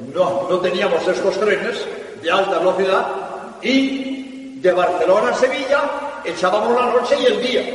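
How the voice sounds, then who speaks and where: A priest giving a storytelling sermon, repeating his key phrases for emphasis. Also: sits high. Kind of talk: radio sermon talk. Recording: echoey hall, distant mic.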